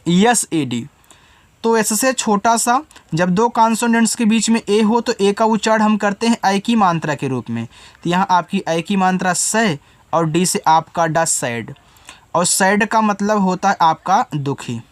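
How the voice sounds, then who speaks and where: A man teaching beginners English spelling, reading out words letter by letter, slowly and patiently. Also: high voice, expressive, no room sound. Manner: patient, coaxing teacher talk.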